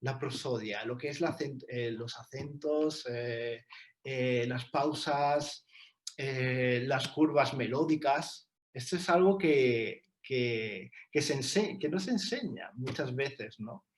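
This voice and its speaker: A man's voice: mid-range voice, takes it slowly, a little hiss or hum. A man co-presenting a textbook in an online talk, speaking in a hesitant way with many fillers and restarts over a video call.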